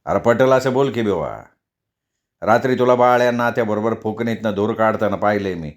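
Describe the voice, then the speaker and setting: A man's voice: on the low side, moderate pace, natural voice. A man voicing a mocking elder brother who tells tales, in a storybook reading. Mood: taunting. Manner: taunting, tattling.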